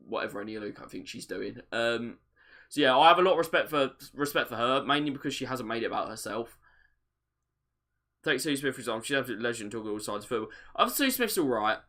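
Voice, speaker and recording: A man hosting a football watch-along, giving live match commentary and chat, excitable enough to yell at goals on screen. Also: on the low side.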